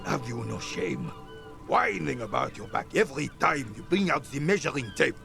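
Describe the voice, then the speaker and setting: Gravelly, scornful old man. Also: mid-range voice, very animated, normal speed. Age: older. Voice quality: gravelly, creaky. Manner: scornful, biting, haughty. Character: cantankerous, bitter old royalist man, scornful. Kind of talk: video game character acting. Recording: music behind the voice.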